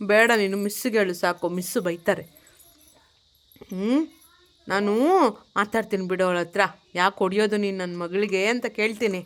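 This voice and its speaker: A woman filming a casual home vlog, talking gently and coaxingly as a mother and chatting to her viewers. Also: medium pitch, moderate pace, pauses often. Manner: gentle, coaxing, soft-spoken. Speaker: vlogger and mother.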